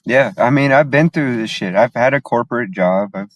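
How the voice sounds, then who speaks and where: A man speaking as a guest in a casual chat, earnest, unhurried and reflective. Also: medium pitch, dry recording, poor audio. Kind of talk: casual conversation.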